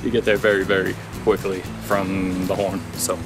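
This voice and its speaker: A man's voice: low-pitched, flat delivery, normal speed, music in the background. A man in his thirties vlogging a hike outdoors on a forest trail, talking casually into a handheld action camera with a chatty, thinking-aloud manner. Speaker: hiker vlogger. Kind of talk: casual trail vlog narration. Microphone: action camera on a handheld pole.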